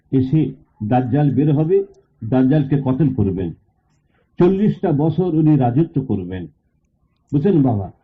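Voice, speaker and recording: A man preaching a religious sermon in a sing-song style, swelling to high emotional peaks and calling on the audience to answer. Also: husky. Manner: calls on the audience for responses. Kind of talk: Bengali religious sermon (waz). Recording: tinny phone-like sound.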